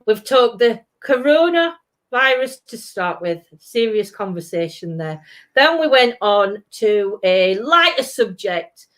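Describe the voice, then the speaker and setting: Casting: British female stream host, fairly high voice, informal chatter. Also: sing-song, slow pace, a bit bright. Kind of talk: casual chat.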